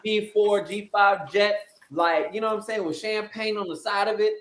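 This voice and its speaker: A man's voice: high-pitched, normal speed. A man guesting on a casual sports podcast, ranting animatedly and swearing often as he jokes. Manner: animated, profane, joking rants. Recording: roomy echoey sound.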